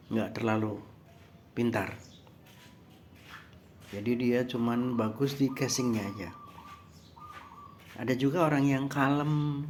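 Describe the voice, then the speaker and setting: Man, motivational speaker, moral lesson, slow and deliberate, faint birdsong behind. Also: medium pitch, a little mellow, a little hiss or hum. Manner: slow and deliberate, addresses listeners as friends.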